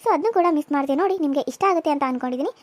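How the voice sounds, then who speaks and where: A woman's voice: high-pitched, very fast. A woman hosting her cartoon channel, chatty and pleading for views. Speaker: channel host. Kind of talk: casual outro appeal.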